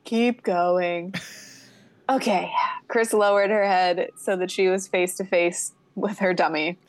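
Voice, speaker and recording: A woman's voice: lowish voice, fairly even intonation, slow, no echo. A woman co-hosting a podcast, reading a book aloud, giggling and stumbling over words now and then. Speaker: podcast co-host.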